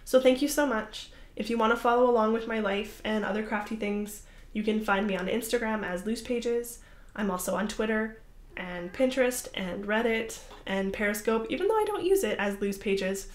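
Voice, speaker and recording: A young woman with a mid-range voice speaks at a normal speed while hosting a crafting podcast. Addressing the camera casually, she rambles apologetically and leans on fillers. The room sounds echoey.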